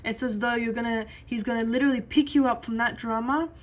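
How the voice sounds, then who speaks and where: A woman doing a psychic reading for a client in a slightly high voice. She talks in an earnest, reassuring, chatty way and keeps saying what she sees. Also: steady tone, fast. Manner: earnest and reassuring, repeats "I do see"; chatty, with many fillers and restarts. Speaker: psychic reader. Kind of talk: reading coffee grounds to a client.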